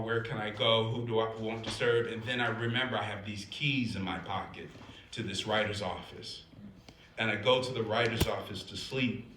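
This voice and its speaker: An older man doing stand-up comedy, animated, shifting between loud laughing punchlines and quiet somber asides. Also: lowish voice. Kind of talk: stand-up storytelling. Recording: echoey room with faint noise.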